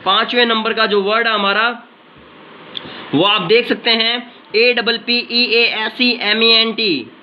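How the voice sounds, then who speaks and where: A man teaching vocabulary in an energetic exam-prep lesson, chanting memory tricks in a sing-song way. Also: very high voice, slow. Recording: slightly dull lo-fi sound with faint noise.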